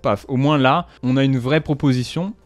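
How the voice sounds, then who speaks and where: A man's voice: mid-range voice, normal speed, dry recording. Slangy French commentary guy. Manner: slangy, punchy asides. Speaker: YouTuber analysing brand marketing. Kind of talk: casual commentary.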